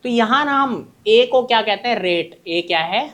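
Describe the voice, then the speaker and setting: He has a high, fairly bright voice and speaks at a normal speed with plenty of animation. As a teacher giving a classroom lecture, he tosses out short questions, answers them himself, and affectionately calls his students children.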